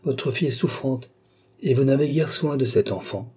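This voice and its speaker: A man voicing a gracious young princess who speaks kindly but with gentle command. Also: medium pitch, normal speed, slightly rough, voice pushed up. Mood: gracious, lively.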